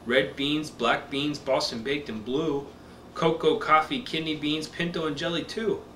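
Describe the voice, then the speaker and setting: A man's voice: on the high side, steady tone, a little slow, sharp tone, recorded from a distance. A man voicing a solemn, matter-of-fact male chihuahua sidekick in a storybook read to a toddler. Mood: earnest. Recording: echoey room, faint noise.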